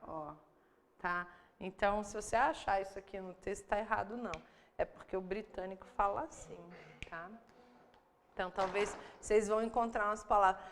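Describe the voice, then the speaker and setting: A woman's voice: medium pitch, slight background noise. Woman, Brazilian accent, exam-prep English teacher, explains examples patiently. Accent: Brazilian Portuguese. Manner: explains step by step, reads English examples aloud then translates. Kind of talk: online exam-prep lesson.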